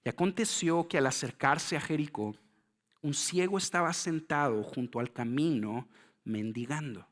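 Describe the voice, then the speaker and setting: Fervent pastor with a raised voice. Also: male voice, on the high side. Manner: swings from hushed, slow phrases to loud, fervent calls; preaches directly to the congregation with rhetorical questions. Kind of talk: sermon.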